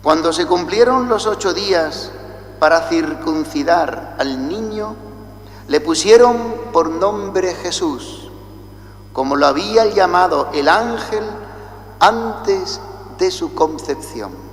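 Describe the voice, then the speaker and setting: A priest from Spain with a Spanish accent, chanting the liturgy and then preaching a slow, deliberate homily, heard with a cathedral echo. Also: male voice, sits high, lively intonation. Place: large church. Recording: echoey church with long reverb.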